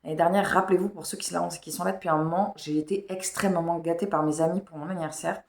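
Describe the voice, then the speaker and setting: A woman's voice: on the low side, fairly even intonation, fast, vocal fry, darkish tone, slight background noise. A woman book vlogger chatting casually and rambling about her reading pile, with slightly unclear diction. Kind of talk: casual chat. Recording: echoey room.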